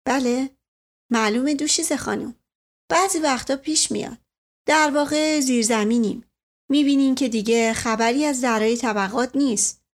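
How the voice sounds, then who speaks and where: Storybook figure: calm, gently mysterious fifty-something man, read by a woman, slightly raised pitch. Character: kindly, mysterious man in his fifties.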